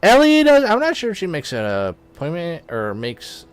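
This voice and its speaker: A young man giving casual, rambling let's-play commentary, full of fillers and self-corrections, with excited bursts when something in the game surprises him. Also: mid-range voice, moderate pace, no echo. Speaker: gaming YouTuber.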